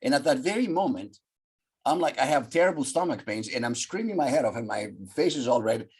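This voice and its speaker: An older man from Greece, a psychologist guest telling a story on a video call from his home office, in an animated, gesturing way. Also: mid-range voice, brisk, slightly rough. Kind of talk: storytelling interview.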